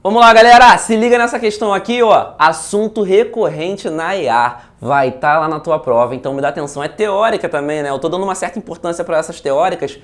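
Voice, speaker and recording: A man with a Brazilian accent, a physics teacher working through exam questions in a video lesson, talking in a lively, chatty way and often asking his students if they follow. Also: fairly high pitch, fairly quick, few pauses.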